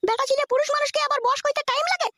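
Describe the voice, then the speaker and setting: A woman's voice: very high-pitched, steady tone, racing, sharp tone. A woman voicing a bossy, crude mother from a village in a cartoon, scolding and giving blunt advice. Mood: advising. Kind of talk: cartoon voice acting.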